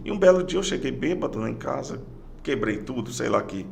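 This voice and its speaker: A middle-aged Brazilian man with a gravelly, fry-tinged voice at an ordinary male pitch. He speaks as a guest in a casual conversation, telling his own story in a halting manner, with frequent restarts and repeated words. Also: expressive, slight background noise. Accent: Brazilian Portuguese. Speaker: podcast guest, police sergeant. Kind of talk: personal testimony in casual conversation.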